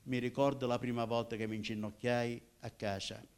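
An older man from Apulia, a minister giving his personal testimony in an emotional way, swinging from loud cries to hushed tones. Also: medium pitch, little pitch movement, normal speed, clean tone. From Apulia, southern Italy.

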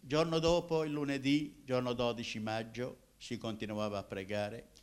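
An older man from Apulia, a minister giving his personal testimony in an emotional way, swinging from loud cries to hushed tones. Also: mid-range voice, fairly even intonation, moderate pace, clean tone. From Apulia, southern Italy.

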